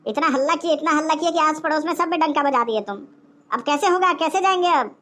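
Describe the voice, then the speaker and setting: A woman voicing a young male cartoon sidekick who talks rough and scolds. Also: high-pitched, fast, fairly bright tone. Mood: scolding. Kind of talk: cartoon voice acting.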